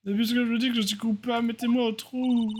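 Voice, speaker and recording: A man voicing an anxious young man who keeps insisting he is guilty, in a high, pleading, dramatic voice while reading a video game aloud. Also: steady tone, brisk, slight background noise, natural voice. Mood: pleading guilt.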